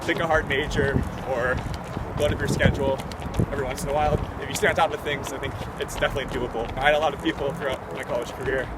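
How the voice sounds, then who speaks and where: A young American man in his twenties answers interview questions casually while running, in halting phrases. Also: mid-range voice, fairly even intonation, heavy background noise. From Ohio, United States. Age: 20s. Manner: talking while running outdoors. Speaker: professional runner being interviewed. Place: outdoors, on the move. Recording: outdoor, distant mic under loud music.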